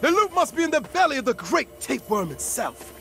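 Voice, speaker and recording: A man's voice: very high-pitched, very animated, fairly quick, gravelly, sharp tone, faint music behind, full character voice. An actor playing a nerdy young man who talks in theatrical mock-medieval phrases, in video game dialogue. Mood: pompous. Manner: theatrical olde-worlde phrasing, then sudden swearing. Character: nerdy male role-play fan speaking mock-medieval.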